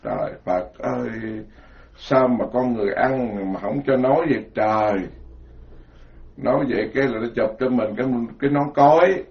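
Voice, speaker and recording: A Buddhist monk from the Mekong Delta, speaking with a Southern Vietnamese accent, delivers a jokey, informal sermon full of emphatic word lists. He has a gravelly, medium-pitched voice at a moderate pace, heard through dull lo-fi audio.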